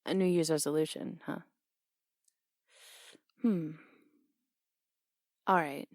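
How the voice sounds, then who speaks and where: A young woman voicing a brash, teasing tomboy boxing coach in an audio role-play, blunt and quick to laugh. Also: low-pitched, steady tone, darkish tone, no room sound, studio quality.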